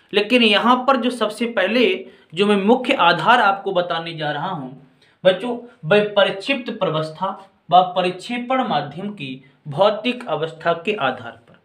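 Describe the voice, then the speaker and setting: A man gives a chemistry lesson in a higher-than-usual voice, taking it point by point and checking that his students are following. He addresses them as children and friends. The sound carries a clear room echo. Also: a bit bright. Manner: explains step by step, often asks if it is clear. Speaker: chemistry teacher. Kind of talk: classroom-style lecture. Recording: echoey room.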